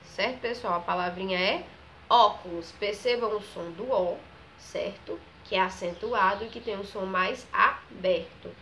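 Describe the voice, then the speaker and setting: A woman, teaching a children's grammar lesson. She talks slowly, stretches out each example word, and keeps checking in with the class. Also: medium pitch, bright, forceful tone, slight background noise. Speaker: primary school teacher.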